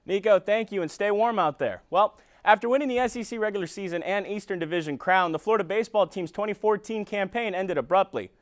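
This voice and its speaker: A man's voice: sits high, fast talker, few pauses. A young man working as a sports anchor, reading a scripted local TV news sports report.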